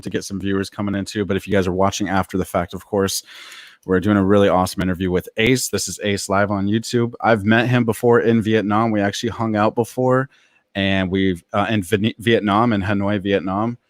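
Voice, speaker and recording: A man's voice: on the low side, no room sound, studio quality. A man hosting a livestream interview, chatty and upbeat, with lots of fillers.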